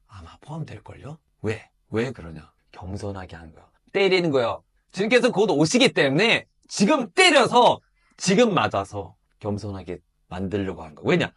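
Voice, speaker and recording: A middle-aged man preaching a sermon, who swings from quiet low asides to loud, high exhortations and asks the listeners questions and calls for amens.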